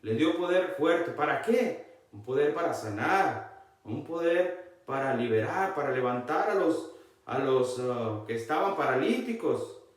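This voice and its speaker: Slow, echoey preaching man. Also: mid-range voice, expressive. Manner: emphatic, often repeating "look" to the listeners; reads scripture aloud slowly. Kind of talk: Bible-reading sermon. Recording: very echoey, mic far from speaker.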